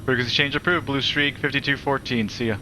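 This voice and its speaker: A man's voice: mid-range voice, steady tone, quick pace, noisy background. A man speaking as an airline pilot from the cockpit, giving clipped procedural takeoff callouts and radio calls into a headset mic. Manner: clipped procedural aviation phrasing. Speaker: flight simulator pilot.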